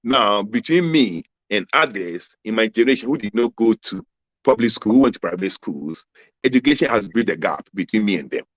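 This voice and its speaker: He's a man in his fifties running for office, speaking with a Ghanaian accent in a fairly low, expressive voice that moves along fairly quickly. He answers interview questions emphatically and returns to his key phrases again and again. The dull, dry video call audio has no room sound and keeps freezing and dropping out.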